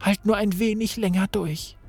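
A man's voice: high-pitched, fairly even intonation, moderate pace, faint music behind, pitched above the performer's own voice. A man reading the lines of a grim, determined young woman warrior in a game story.

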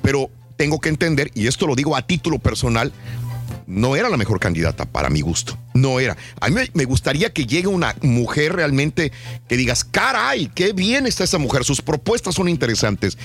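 Radio host guy, chatty, lively up-and-down voice, faint music under. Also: mid-range voice, a little fast. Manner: chatty, animated, greets callers by name. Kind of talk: casual call-in radio talk.

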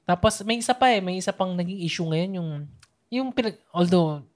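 A woman's voice: lowish voice, brisk, a little mellow. A woman in casual conversation, chatty and thinking aloud, mixing English into her sentences. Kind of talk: casual chat.

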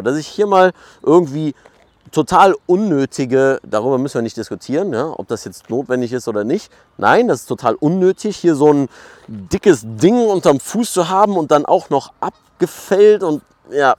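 A man's voice: fairly high pitch, darkish tone, dry recording. A man hosting a podcast, talking in a loose, rambling monologue with many fillers. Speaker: podcast host. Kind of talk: casual monologue.

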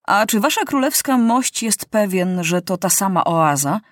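A woman voicing a legless, one-eyed male pilot in a storybook reading, calm and dryly joking. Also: medium pitch, unhurried, no room sound, studio quality, close to an everyday voice. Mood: jovial. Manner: deadpan gallows humor.

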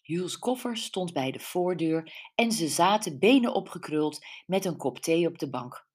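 Low, slow-reading woman narrator. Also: expressive, husky. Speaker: audiobook narrator. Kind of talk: scripted narration.

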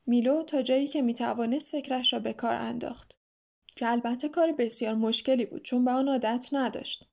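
A woman narrating a children's story in a calm, even reading voice. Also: on the high side, creaky. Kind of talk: scripted audiobook narration.

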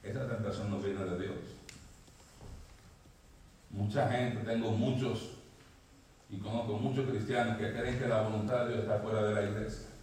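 A male pastor preaching a sermon, swinging from emphatic high peaks down to low quiet lines. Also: steady tone, normal speed, long pauses, slight background noise. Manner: preaching, rising emphatically, then dropping low. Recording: echoey hall, mic at a distance.

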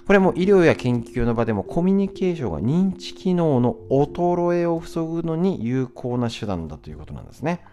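A man hosting a solo podcast in a chatty, conversational way, often pausing with fillers and tag questions, and sometimes reading aloud from a book. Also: fairly high pitch, sing-song, dark tone. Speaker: podcast host. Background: guitar music.

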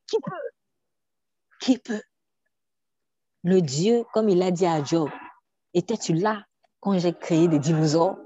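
Emphatic woman preaching, dark muffled voice. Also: lowish voice, slow, long pauses, slightly rough, dry recording. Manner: emphatic, with rhetorical questions and repetitions. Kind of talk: sermon.

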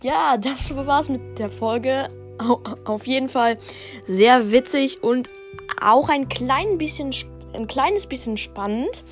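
A woman hosting and narrating an improvised storytelling podcast in a relaxed manner. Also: high voice, takes it slowly. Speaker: host and narrator. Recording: faint music behind the voice.

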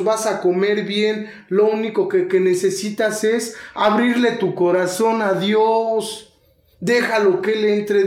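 His high-pitched, darkish voice echoes in a reverberant room as he shares his recovery testimony. The guest, a man in his thirties speaking Mexico City Spanish, is slangy, intense and emotional, acting out the voices in the scenes he describes.

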